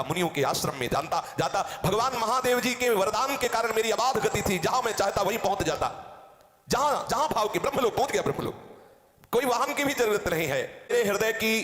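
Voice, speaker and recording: A man's voice: high voice, fairly bright tone. A man as a spiritual teacher giving a devotional discourse, telling a sage's story in the first person and quoting verses. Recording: roomy hall with long reverb.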